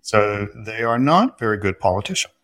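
A man with a somewhat low voice talks through history for a podcast interview. He explains carefully, pausing and restarting, with flashes of dry humor. The sound is close and dry, with no room around it. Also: very animated, a bit bright, dry recording. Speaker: guest historian. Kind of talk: conversational interview answers.

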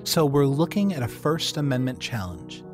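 A man's voice: medium pitch, sing-song, normal speed, over music. A male podcast co-host narrating conversationally with a wry, questioning manner.

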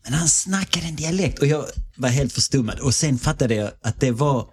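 A man's voice: mid-range voice, a little mellow, husky. Scanian-accented man chatting casually. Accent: Scanian Swedish. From Malmö, Sweden. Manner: rambling, frequent restarts and fillers, laughs easily. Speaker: podcast guest. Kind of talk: casual conversation.

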